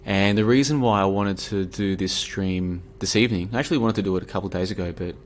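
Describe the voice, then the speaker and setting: A tired Australian man talks through a casual, argumentative monologue on his own livestream, with plenty of fillers and restarts. His voice sits fairly low. A faint hiss runs under the recording. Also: quick pace. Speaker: livestream host. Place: home room.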